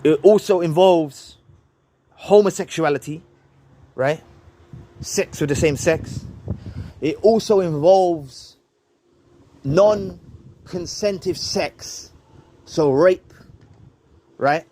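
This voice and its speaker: A man's voice: fairly high pitch, takes it slowly, pauses often, dark tone. A man giving a heated, preachy commentary monologue. He repeats his phrases and ends his points with "right?". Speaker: vlogger responding to another video.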